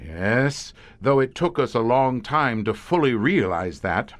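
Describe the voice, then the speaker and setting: In an audio horror drama, a male actor voices a grim, veteran monster hunter, speaking slowly and deliberately while his pitch swings widely with lively intonation. His natural voice delivers ornate, haunted lines with a dry, wry edge, in a grave, confiding mood.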